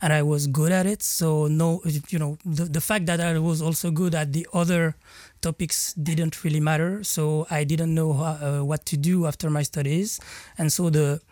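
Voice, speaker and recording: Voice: medium pitch, little pitch movement, normal speed, few pauses, darkish tone, dry recording, studio quality. A guest from Senegal who grew up speaking recounts their background hesitantly, with many fillers and restarts. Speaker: panel guest. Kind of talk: conversational personal account.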